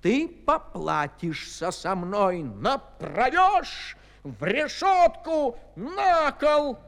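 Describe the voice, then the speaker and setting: A man voicing a bossy, hot-tempered old tsar in a fairy tale, shouting threats. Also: high voice, very animated, slow pace, clean tone, big-room sound, full character voice. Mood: angry.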